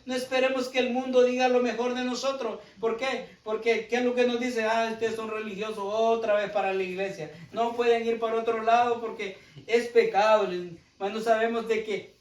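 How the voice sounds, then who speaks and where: High-voiced preacher in an echoey hall. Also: male voice. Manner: fervent, addresses the congregation often. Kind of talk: sermon. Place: church hall. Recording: echoey church room, from far off.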